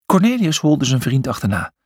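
A man narrating a children's storybook in an expressive, scripted reading. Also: medium pitch, moderate pace, husky, no room sound, studio quality. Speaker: audiobook narrator.

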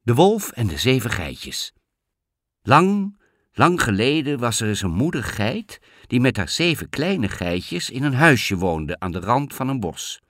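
A man reading a children's fairy tale aloud as a storyteller, expressive and playful. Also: mid-range voice, measured pace, few pauses, no room sound, clean studio sound. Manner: expressive, lively read-aloud.

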